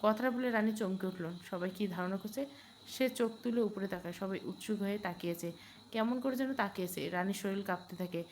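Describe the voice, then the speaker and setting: A woman narrating a romance novel, reading the characters' lines with slowed, stressed delivery. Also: medium pitch, a little hiss or hum. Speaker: storyteller. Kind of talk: scripted narration of a romance novel with voiced dialogue.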